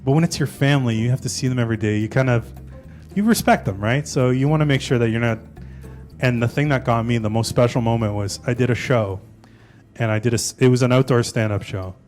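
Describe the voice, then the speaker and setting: A stand-up comedian in his forties talks in a loose, chatty way, moving between interview answers and bits from his set. His voice is mid-pitched for a man, and he often ends a thought with "right?". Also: fast, darkish tone, soft background music. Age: 40s. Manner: chatty, tags lines with "right?".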